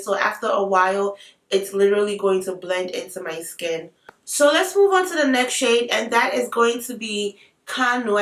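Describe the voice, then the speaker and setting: A woman's voice: medium pitch, fairly bright tone. A woman with an African accent, chatting casually through a makeup tutorial with playful asides. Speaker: beauty vlogger. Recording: roomy sound, mic at a distance.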